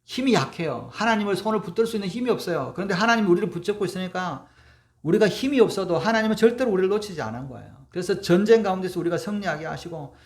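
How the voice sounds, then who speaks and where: A man preaching a sermon at a brisk, rapid clip. His voice sits a little high and has a gravelly, creaky edge. He talks to the congregation conversationally and often checks that they agree. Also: lively intonation. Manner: conversational preaching, acts out quoted voices, asks "그죠?". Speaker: pastor.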